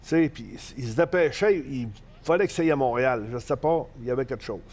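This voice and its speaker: A man's voice: medium pitch, fast talker. Older man, Saguenay Quebec French accent. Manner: animated, swears freely, many fillers. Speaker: guest, professional wrestler. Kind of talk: casual anecdote storytelling.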